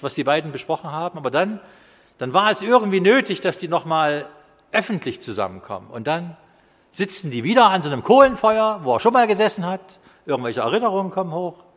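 Husky-voiced man preaching in a hall. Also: a little high, sing-song, fairly quick. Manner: conversational, shifts between quiet asides and loud emphasis. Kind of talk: sermon. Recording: hall with long reverb.

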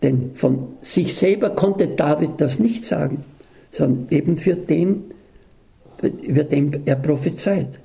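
Guy reading bible verses real slow and careful, gravelly kinda dark voice, preacher explaining between verses. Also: fairly high pitch. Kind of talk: scripture reading with commentary.

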